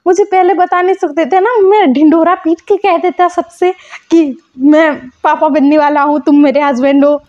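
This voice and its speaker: A woman's voice: very high-pitched, animated, measured pace, darkish tone, voice pushed up. A woman voicing a worried, hot-tempered young husband who talks in an agitated, pleading way. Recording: muffled lo-fi audio.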